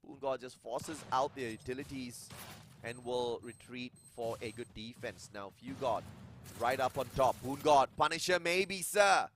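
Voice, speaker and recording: A man calling live esports play-by-play as an excitable commentator. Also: mid-range voice, unhurried, slight background noise. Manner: excitable, bursting into yells at big plays.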